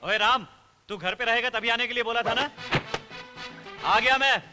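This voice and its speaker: A man's voice: very high voice, normal speed. A man dubbing a swaggering action hero in a film, with a taunting delivery. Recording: film soundtrack with music and long reverb.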